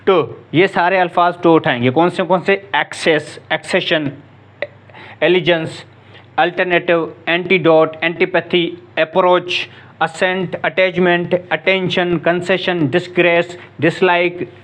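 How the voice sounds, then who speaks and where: A man's voice: high-pitched, steady tone, slow pace, fairly bright tone. A man teaching English grammar to students, reading words off a board one by one, often stumbling and restarting half-said words. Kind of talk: classroom lesson at a board. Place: classroom with a board.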